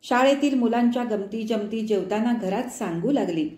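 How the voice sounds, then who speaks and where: A woman storyteller reading a short story aloud in a clear, measured narration. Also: fairly high pitch, darkish tone, echoey room. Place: studio.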